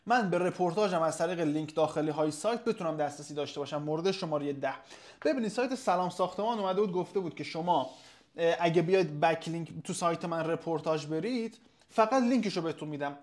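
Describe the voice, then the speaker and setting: A man's voice: on the high side, a little mellow. A man hosting a live webinar as an SEO consultant, reading out viewers' questions, thanking them by name and answering off the cuff with frequent hesitations.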